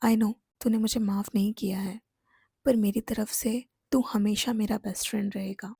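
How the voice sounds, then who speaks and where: A woman's voice: medium pitch, steady tone, moderate pace, gravelly, mellow, breathy edge, no room sound, studio quality. A woman reading the lines of a proud, defensive young man in a storybook romance.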